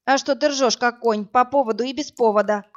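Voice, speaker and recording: A woman voicing a defiant, sharp-tongued young woman who snaps back sarcastically. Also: a little high, animated, normal speed, pitched above the performer's own voice, lightly acted. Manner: sarcastic and snapping. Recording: dull lo-fi audiobook, faint music.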